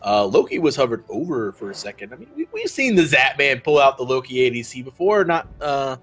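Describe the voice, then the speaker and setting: A man's voice: medium pitch, very animated, brisk, fairly bright tone, breathy edge, faint music behind. A man casting a video game match, talking through picks with lots of fillers and restarts. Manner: rambling, filler-heavy analysis. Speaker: esports caster. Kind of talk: esports casting commentary.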